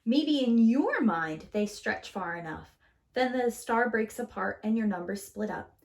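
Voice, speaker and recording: Her voice fairly high and her pace a little slow, a preschool teacher reads a picture book aloud to children, giving it a sing-song, theatrical and expressive performance.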